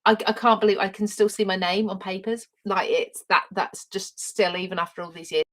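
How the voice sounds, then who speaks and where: Presenting her papercraft collection live and greeting viewers by name, an enthusiastic Essex-accented woman speaks in a mid-range, steady, slightly bright voice at a somewhat fast pace. The recording sounds rough.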